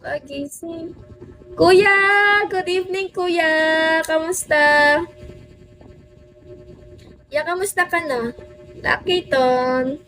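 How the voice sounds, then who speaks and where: A Filipino woman with a very high, fairly bright voice hosts a casual livestream chat, greeting viewers by name. She speaks very slowly with frequent pauses, and soft music plays in the background.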